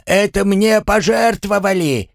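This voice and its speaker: A man's voice: mid-range voice, huge pitch swings, unhurried, no room sound, clean studio sound, pitched above the performer's own voice. A man voicing a squabbling, boastful little male creature who squeals when angry, in a read-aloud story. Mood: furious. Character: squabbling short male creature, cursemaker, boastful and hot-tempered.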